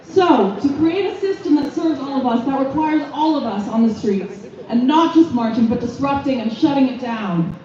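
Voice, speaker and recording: A young woman giving an impassioned rally speech at an outdoor street protest, forceful and full of repeated phrases. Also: high voice, animated, moderate pace, hardly any pauses. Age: young adult. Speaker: youth activist speaker. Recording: echoey, distant, muffled outdoor PA sound.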